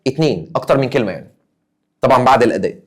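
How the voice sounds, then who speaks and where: A man's voice: mid-range voice, expressive, very fast. A young man with an Egyptian Arabic accent, a teacher giving an exam review lesson, emphatic and acting out his students' questions.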